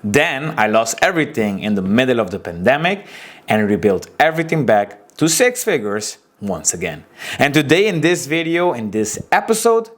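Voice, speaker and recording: A man in his twenties with an Aruban accent, a wedding photographer telling his story and giving business advice in a casual talking-head episode, animated and expressive. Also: normal speed. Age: 20s. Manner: animated, expressive storytelling with big pitch swings.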